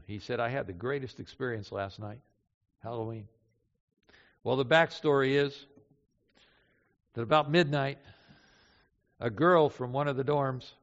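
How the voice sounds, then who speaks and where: Older male pastor preaching in a hall. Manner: storytelling, swings between loud emphasis and hushed low lines. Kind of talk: sermon. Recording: dull sound in a reverberant hall.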